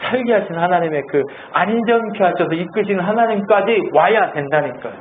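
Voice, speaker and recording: A male pastor preaching a sermon in an animated, conversational way, asking the congregation lots of questions. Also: high-pitched, normal speed. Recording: tinny phone-like sound, faint hiss.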